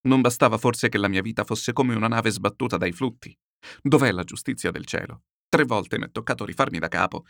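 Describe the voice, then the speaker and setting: A man's voice: on the low side, fairly quick, vocal fry, fairly bright tone, dry recording, studio quality. A man voicing a desperate, ruined middle-aged swindler who pleads and laments in a frantic, self-pitying way.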